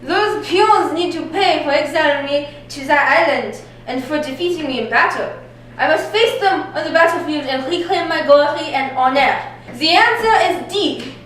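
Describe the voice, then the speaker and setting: A woman's voice: sits high, normal speed, a bit bright. A woman playing a pompous boastful emperor. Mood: haughty. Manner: pompous, blustering, fake French exclamations. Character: boastful arrogant male emperor contestant. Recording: echoey room with background noise.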